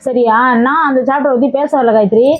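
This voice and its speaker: A woman's voice: high-pitched, fairly even intonation, a little fast. A woman vlogger in a heated confrontation, answering in a curt, defensive and dismissive way. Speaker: vlogger in a staged argument. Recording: tinny phone-like sound.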